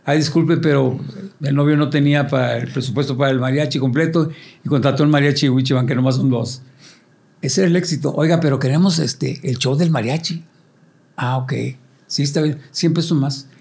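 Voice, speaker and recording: An older man telling lively stories as a band member, acting out quoted voices and sound effects in casual talk. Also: medium pitch, fairly quick, gravelly. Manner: animated storyteller, acts out quotes and sound effects. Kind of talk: casual storytelling interview.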